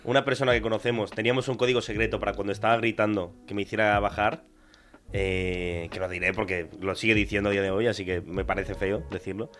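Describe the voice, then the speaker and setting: A young man co-hosting a casual chat, speaking loudly and emphatically as he tells rapid stories. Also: on the low side, fairly even intonation. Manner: loud, emphatic, rapid storytelling. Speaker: podcast co-host.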